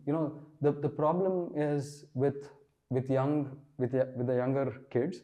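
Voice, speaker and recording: Man guest, mellow and halting, steady middle pitch. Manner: hesitant, repeats words when starting a thought. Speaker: guest, runner. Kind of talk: conversational interview answers.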